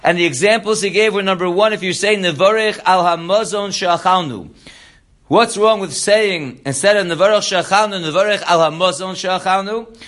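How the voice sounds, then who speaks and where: High-voiced man teaching a halacha lesson. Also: normal speed, a bit bright. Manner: reads Hebrew text then explains in English. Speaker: Torah teacher.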